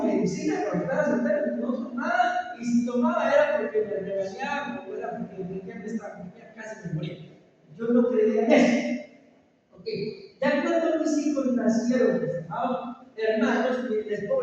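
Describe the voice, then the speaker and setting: High-voiced pastor preaching in an echoey hall. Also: male voice, a little mellow, a little hiss or hum. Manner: calls for amens, preaching with rising emphasis. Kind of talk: sermon. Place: church hall. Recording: echoey hall, voice from far off, dull sound.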